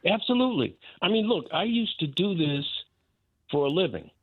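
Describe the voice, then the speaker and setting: A man's voice: sits high, sing-song, moderate pace, slightly rough, dry recording. Older New man calling in by phone. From New York. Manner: blunt, emphatic, argumentative. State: caller on a phone line to a radio show. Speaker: radio show caller, former talk radio host. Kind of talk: opinionated call-in talk. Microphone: telephone. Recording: tinny dry phone line.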